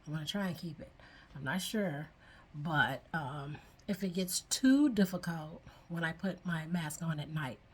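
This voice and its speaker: A woman's voice: low voice, expressive, a little slow, breathy edge. An older woman talking casually to her camera in a personal vlog, chatty and earnest, often acting out what she thought back then. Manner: chatty and earnest, retells her own past thoughts aloud. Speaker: vlogger.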